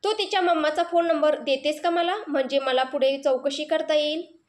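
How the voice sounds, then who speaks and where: A high-voiced, anxious young man in love, pleading and fretting over someone missing, as a woman narrator puts him on. He talks fast in worry, slipping English phrases into his speech, in a storybook reading. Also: fairly even intonation, natural voice. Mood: worried, pleading. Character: young man, worried devoted college lover.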